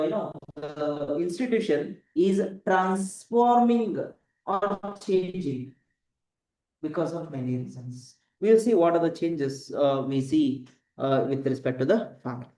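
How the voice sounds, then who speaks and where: A man's voice: on the high side, unhurried, darkish tone. A man with an Indian accent lecturing a class, repeating key points and often checking that students follow. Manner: didactic, repeats points, frequent check questions like "correct?" and "right?". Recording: roomy echo, voice distant from mic.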